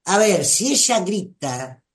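Here the Rioplatense-accented host speaks at a medium pitch in a sing-song way, taking things slowly. It's a soft, contemplative live session where listeners are addressed by name, much like a spiritual guide would.

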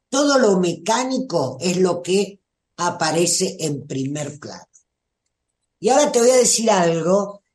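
Rioplatense lady doing a self-growth chat, lowish voice, unhurried, roomy echo. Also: a little mellow. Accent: Rioplatense Spanish. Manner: musing, often asks the listener questions. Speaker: spiritual self-growth speaker. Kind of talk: casual talk to an audience. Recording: echoey room.

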